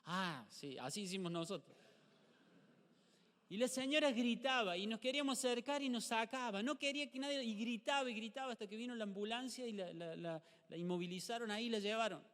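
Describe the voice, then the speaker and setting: A middle-aged male pastor with an Argentine Spanish accent, preaching a lively sermon and asking the congregation rhetorical questions. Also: high voice, fairly quick. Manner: animated, acts out short dialogues, rhetorical questions to the congregation. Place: church hall. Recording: live church stream with long hall reverb.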